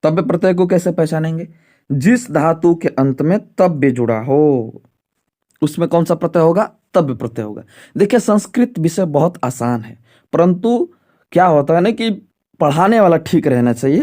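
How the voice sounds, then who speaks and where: A male Sanskrit teacher in an exam-prep lesson, who asks himself questions, checks in often, and slows down to spell out word forms. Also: on the high side, mellow. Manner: repeats rhetorical questions and "ठीक है" to check understanding.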